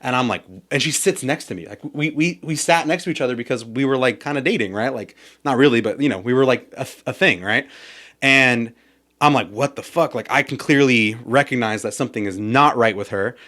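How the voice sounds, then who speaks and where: Young man, podcast guest, casual storytelling, swears freely, animated. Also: medium pitch, brisk. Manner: animated, swears a lot, acts out quoted yelling.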